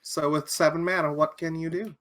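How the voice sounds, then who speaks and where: A woman's voice: sits low, steady tone, fairly quick. A woman playing a card game on stream, explaining moves step by step with dry sarcasm. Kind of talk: casual game-night chat.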